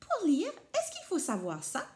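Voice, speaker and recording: A woman voicing an eager little boy in a storybook read-aloud, with a squeaky, excited delivery. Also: measured pace, heavily acted. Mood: pleading. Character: small eager young boy.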